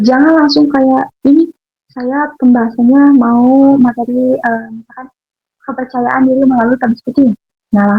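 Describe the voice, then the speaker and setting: Young woman student chatting through speaking tips, kinda high voice, lots of umms, tinny phone-ish sound. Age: young adult. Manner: chatty, with frequent fillers and restarts. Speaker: university student sharing public speaking tips. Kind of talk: casual instructional talk.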